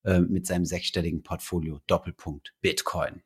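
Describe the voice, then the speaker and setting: Deep-voiced man rambling on a podcast. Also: flat delivery, normal speed, slightly rough. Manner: rambling, many fillers and restarts. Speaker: podcast co-host. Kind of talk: casual podcast chat.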